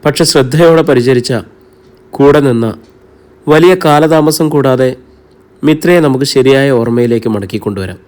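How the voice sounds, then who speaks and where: A man reading a calm, confident doctor. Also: medium pitch, moderate pace, pauses often, natural voice. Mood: reassuring. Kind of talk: audiobook character reading.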